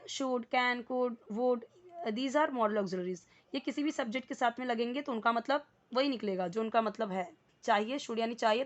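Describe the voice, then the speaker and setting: A woman with an Indian accent teaching a spoken English lesson, explaining slowly and repeating words and their meanings. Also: a little high, highs cut off.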